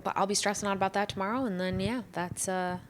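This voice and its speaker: A woman's voice: mid-range voice, fairly even intonation, fast talker, a little hiss or hum. A young adult woman co-hosting a podcast in casual chat, candid and swearing freely. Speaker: podcast co-host.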